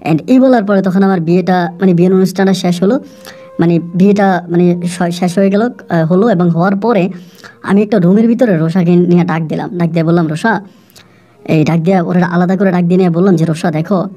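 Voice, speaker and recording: Low, mellow woman storyteller. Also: brisk, faint music behind. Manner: conversational, frequent fillers, emotional. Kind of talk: first-person story narration.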